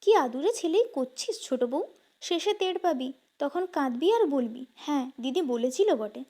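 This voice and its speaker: A woman voicing a stern, quick-tempered older woman who runs the household and scolds loudly. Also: high voice, animated. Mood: angry, scolding. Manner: scolding, loud and sharp.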